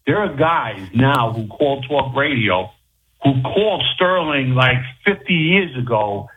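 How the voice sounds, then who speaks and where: A man from New York calling sports radio, telling an anecdote casually and addressing listeners like an animated raconteur. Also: mid-range voice, a little slow. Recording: narrow phone-line sound.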